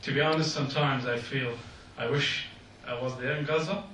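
This is a man from Jordan speaking earnestly at a public meeting, with halting, non-native English and a mid-range, slightly bright voice of fairly even intonation. The hall echoes. He's recorded from a distance amid slight background noise.

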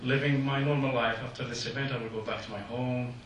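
Far from the mic, a Jordanian man gives a public speech in an echoey hall, earnest and halting in non-native English. His voice is mid-range with fairly even intonation. There's a little hiss or hum.

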